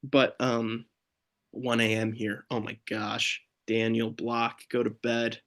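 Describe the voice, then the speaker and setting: A man's voice: mid-range voice, completely flat delivery, slow pace, fairly bright tone. A young man co-hosting a late-night sports podcast, ranting in an exasperated, sweary, casual way. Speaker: podcast co-host.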